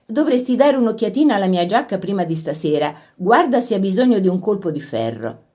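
A woman voicing a young man, a warm, boyish brother who talks hurriedly and teases. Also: mid-range voice, sing-song. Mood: teasing. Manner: hurried, teasing.

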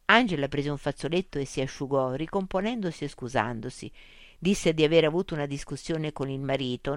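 A woman narrating a story in a measured, expressive reading. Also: deep voice, no echo, studio quality. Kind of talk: audiobook narration.

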